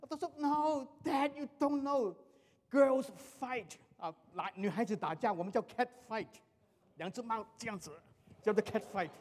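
Middle-aged man, pastor, lively storytelling sermon, fairly high voice, long hall echo. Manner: animated storytelling, mixing in English phrases.

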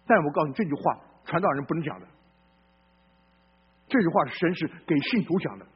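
A male pastor preaching a sermon in a blunt, folksy way, swinging between loud outbursts and low murmurs and asking listeners questions. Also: very animated, a little fast, husky, lo-fi sound.

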